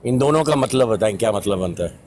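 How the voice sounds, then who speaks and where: A man's voice: lowish voice, lively intonation, darkish tone. A man in an online debate who insistently repeats his challenge and demands an answer, speaking over a video call.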